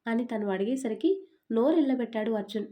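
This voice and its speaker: A woman narrating a scripted story with a steady storytelling delivery. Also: a little high, fairly quick.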